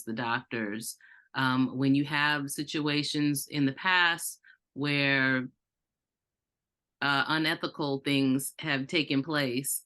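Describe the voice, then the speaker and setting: A woman hosts the interview, asking long, searching questions at an unhurried pace. Her voice is bright and a little tense. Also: sits low. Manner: slow, searching questions with frequent backchannels. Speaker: podcast host. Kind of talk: interview conversation.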